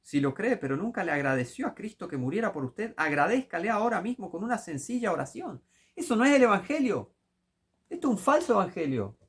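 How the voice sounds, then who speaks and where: A man with a Rioplatense Spanish accent preaching a critical sermon commentary, scolding and rising to impassioned shouts. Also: sits high, very animated, fast talker, slightly rough.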